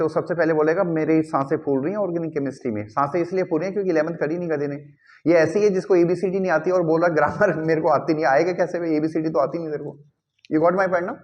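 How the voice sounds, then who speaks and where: A man's voice: high-pitched, lo-fi sound. Male teacher quizzing his class. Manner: keeps checking understanding with quick repeated questions; mixes English phrases into the teaching. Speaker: chemistry teacher. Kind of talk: classroom lecture.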